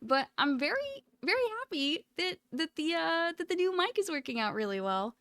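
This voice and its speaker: A woman's voice: extremely high pitch, very animated, normal speed, dry recording, studio quality. A woman livestreamer chatting casually with her viewers in an informal, affectionate, rambling way, often giggly. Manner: giggly, frequently breaking into loud laughter. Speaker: live streamer. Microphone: close USB microphone.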